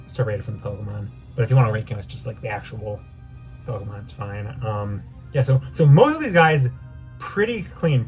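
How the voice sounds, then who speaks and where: A man casually ranking cartoon and game characters, animated and excitable, often breaking into high-pitched outbursts with a slightly strained voice. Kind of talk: casual tier-list commentary.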